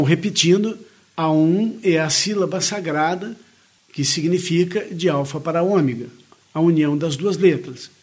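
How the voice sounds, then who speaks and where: A man reading a spiritual lecture aloud in a measured, earnest way, adding short comments of his own as a teacher. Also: on the high side, husky.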